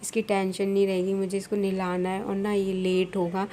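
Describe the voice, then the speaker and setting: A woman's voice: mid-range voice, completely flat delivery, normal speed, mellow, a little hiss or hum. A young Indian woman, a vlogger from India, talking casually as she explains her household chores step by step. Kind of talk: casual voice-over narration.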